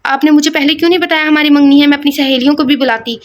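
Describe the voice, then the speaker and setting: A woman's voice: high voice, fairly even intonation, fairly bright tone. A woman voicing a talkative, innocent young woman in an audio novel. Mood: chatty. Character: chatty naive young woman.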